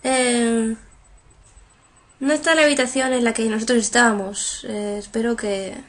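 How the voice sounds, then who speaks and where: A young woman gamer, speaking at a moderate pace in a steady, higher-pitched voice, reads and translates game dialogue live while playing. She's chatty, uses lots of fillers, and talks through a headset.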